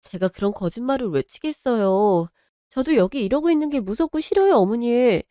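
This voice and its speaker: A woman's voice: on the high side, animated, normal speed, warm tone, no room sound, clean studio sound, close to an everyday voice. A woman voicing a young wife with cancer in a radio drama, restrained and reproachful. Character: young wife with cancer, hurt but composed.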